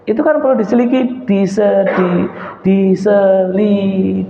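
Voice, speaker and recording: A Javanese-accented man preaching in an unhurried, drawn-out way, dropping low and then jumping high as he drills pronunciation. He is heard in a large hall with a long, roomy reverb. The sound is dull and lo-fi. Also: fairly even intonation, creaky, dark tone. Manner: switches to Javanese, drills Quran letter sounds; slow and deliberate, voice rising and falling sharply. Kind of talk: religious study talk.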